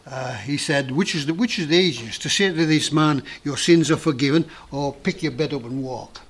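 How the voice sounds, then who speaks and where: A man preaching a sermon in an earnest, emphatic way with dramatic pauses. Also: on the high side, breathy edge.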